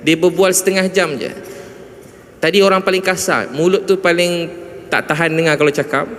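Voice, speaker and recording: A man with a Malaysian Malay accent giving a storytelling religious talk to a mosque audience, rising emphatically at high points. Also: fairly even intonation, moderate pace, a bit bright. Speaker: visiting preacher. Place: large mosque hall. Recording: reverberant mosque hall.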